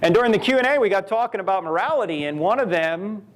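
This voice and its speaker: A man giving a live lecture at a university. He talks in an animated way, asking rhetorical questions and telling stories. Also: sits high, quick pace. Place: university event hall.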